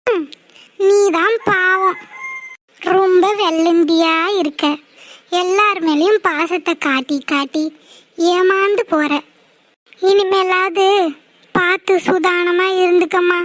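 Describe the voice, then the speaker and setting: A woman's voice: extremely high pitch, steady tone, slow pace, pauses often, a bit bright, exaggerated voice. A woman voicing a sly, manipulative older aunt in a cartoon, sweet-talking and scheming. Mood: coaxing. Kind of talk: cartoon voice acting.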